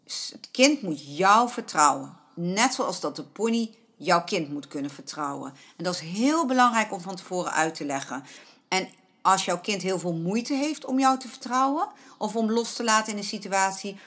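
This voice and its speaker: A woman's voice: mid-range voice, animated, moderate pace, fairly bright tone. A middle-aged woman coaching parents on pony riding, earnest and repetitive, stressing her points again and again. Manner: earnest, repeats points, acts out a panicking child's voice. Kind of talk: spoken advice to parents.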